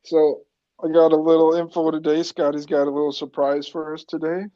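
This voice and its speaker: A man's voice: fairly high pitch, monotone, a little fast. A man hosting a casual sports chat with friends. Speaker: sports talk show host. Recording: dull, lo-fi microphone sound.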